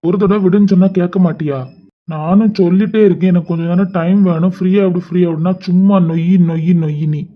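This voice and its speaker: A man's voice: sits high, steady tone, fast talker, narrow, tinny audio. A man with a Kanyakumari Tamil accent voicing a brooding, short-tempered young husband in a cartoon, speaking in a snapping, exasperated way. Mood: irritated. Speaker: cartoon voice actor. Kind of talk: homemade cartoon voice acting.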